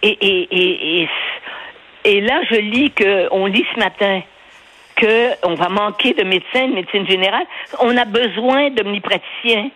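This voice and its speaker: An older woman with a Québécois accent chats on a radio program. She is lively and digressive, laughs often, and restarts her sentences as she goes. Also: medium pitch, moderate pace, no echo, rough recording. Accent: Québécois French. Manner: animated, rambling, laughs often, restarts and stammers. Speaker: newspaper columnist guest. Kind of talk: radio interview conversation.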